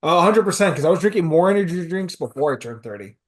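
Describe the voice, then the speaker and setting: A man's voice: a little high, lively intonation, fast. A man in his thirties co-hosting a casual podcast, talking animatedly and often restarting his sentences. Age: 30s. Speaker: podcast co-host. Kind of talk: casual movie review chat.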